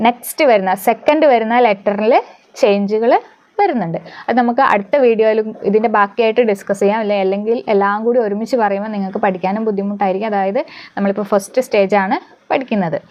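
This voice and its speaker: A woman teaching English letter sounds, asking questions and answering them herself, repeating example words slowly. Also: medium pitch, steady tone, highs cut off. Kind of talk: phonics lesson.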